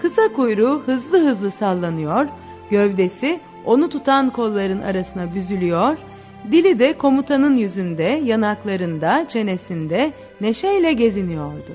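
A woman narrating a story in an expressive, dramatic reading style. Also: fairly high pitch, in a large hall. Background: faint music.

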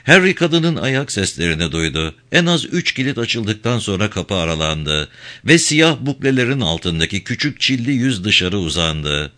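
A man reading a crime novel aloud as the narrator, in an expressive storytelling manner. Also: on the low side, moderate pace. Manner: expressive reading with voiced dialogue. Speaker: audiobook narrator. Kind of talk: scripted narration.

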